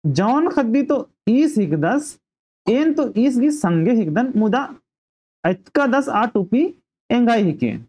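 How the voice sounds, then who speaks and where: A woman's voice: a little high, sing-song, slow pace, dark tone, voice pushed up, full character voice. A woman doing a guileless young village man. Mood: eager. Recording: dull lo-fi recording.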